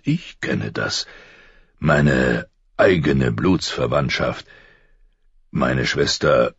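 A man voicing a stern, weary old military commander with a deep, gravelly voice. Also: no echo, lo-fi sound, exaggerated voice.

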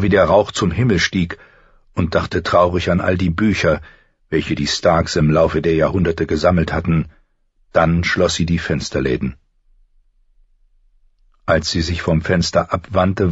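A man narrating an audiobook in a measured, even storytelling manner. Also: deep voice, slightly rough, dry recording, dull audio.

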